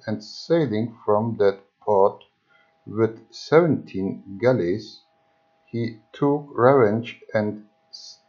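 A man reading an old history book aloud, haltingly, often restarting words. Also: lowish voice, dull audio. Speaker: reader. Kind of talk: slow audiobook reading of history.

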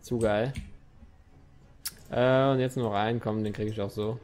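A man's voice: on the low side, steady tone, measured pace, a little mellow, slight background noise. A young man commenting on his own gameplay in a chatty let's-play style, talking to the game and his viewers and swearing now and then. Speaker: gaming YouTuber.

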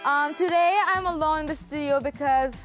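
A woman's voice: high-pitched, moderate pace. A woman hosting a studio show in a playful, teasing, sing-song way. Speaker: host. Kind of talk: playful casual variety chat. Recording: music playing behind.

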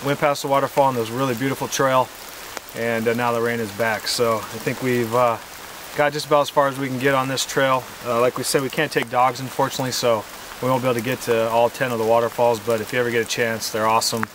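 A man chatting casually in a travel vlog, relaxed and joking, with plenty of pauses and fillers. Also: medium pitch. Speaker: RV travel vlogger. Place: outdoors on a forest trail in the rain. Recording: outdoor noise with rain.

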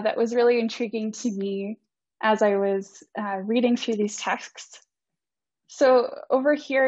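This student presenter, a woman in her twenties whose first language isn't Icelandic, has a slightly high voice with a darkish tone. She delivers a polite, earnest conference talk by video call, full of ums. Captured on a computer mic, the audio is dry, a bit dull, and free of echo.

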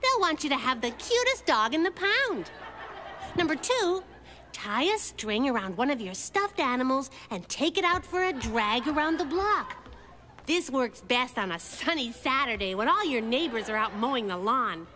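A woman voicing a confident, quick-witted little girl in a cartoon, with a perky, sassy manner. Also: high-pitched, sing-song, sharp tone, slight background noise, full character voice. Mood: cheeky, presenting. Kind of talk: cartoon voice acting.

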